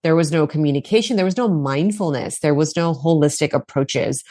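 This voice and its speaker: A woman from India talks as a dentist guest in an animated, loose way, full of ums and repeated words. Her voice is low for a woman. The recording is dry and close. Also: fairly quick, no room sound. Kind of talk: casual interview talk.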